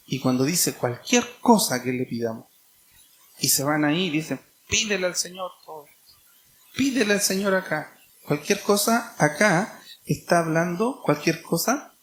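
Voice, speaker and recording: A preacher with a Chilean accent giving an emphatic sermon, repeating key phrases and asking rhetorical questions. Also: mid-range voice. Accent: Chilean Spanish.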